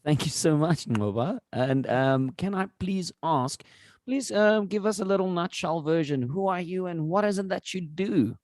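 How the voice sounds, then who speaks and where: A man's voice: sits high, animated, moderate pace, darkish tone, no room sound, clean studio sound. Enthusiastic male podcast host. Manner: enthusiastic, repeats words. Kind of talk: casual podcast interview.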